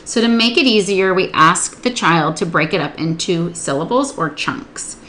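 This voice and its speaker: A female literacy instructor patiently walks through a spelling procedure step by step, modeling words and sounds slowly. Her voice is on the low side yet fairly bright in tone, with slight background noise.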